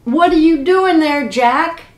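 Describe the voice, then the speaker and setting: Here is a big, gruff, boastful giant with folksy country talk, as a woman reading a story puts him on. The delivery is unhurried and sits fairly high, and the voice carries in an echoey room.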